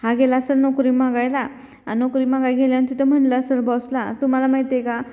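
A woman voicing a mocking young man, the household joker in a TV serial, speaking in a drawn-out way. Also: high voice, little pitch movement, dark tone, long reverb tail, natural voice. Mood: teasing.

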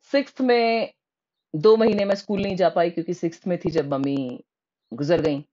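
A woman from Rajasthan telling her own childhood memories in a lively, animated way, slipping English words into her speech. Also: on the low side, moderate pace, lo-fi sound. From Rajasthan, India. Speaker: storyteller. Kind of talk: personal storytelling.

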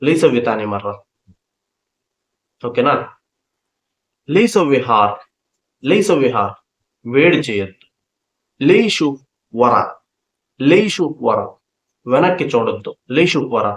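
A man teaching a spoken language lesson, saying each phrase slowly and repeating it before explaining what it means. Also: medium pitch, roomy sound.

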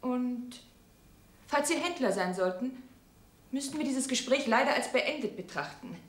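A woman's voice: high voice, animated, a little slow, roomy sound. A genteel swindler lady. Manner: genteel, discreet. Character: refined swindler posing as a noblewoman.

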